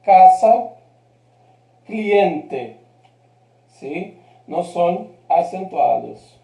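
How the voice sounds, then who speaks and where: A man's voice: high-pitched, lively intonation, drawn-out words, gravelly, dark tone, roomy sound. A man teaching a live grammar lesson, patient and checking in often with his class. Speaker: Spanish teacher.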